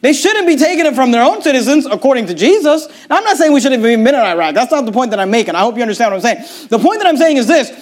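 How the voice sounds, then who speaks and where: High-voiced emphatic male preacher. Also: big pitch swings, racing, few pauses. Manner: emphatic, argumentative, reads scripture aloud. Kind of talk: sermon.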